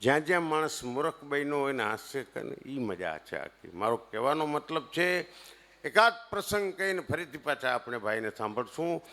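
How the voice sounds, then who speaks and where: A man with a Kathiawadi Gujarati accent doing live comic storytelling on stage for a seated audience, swinging between loud punchlines and hushed asides. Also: mid-range voice, lively intonation, moderate pace. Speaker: stage comedian.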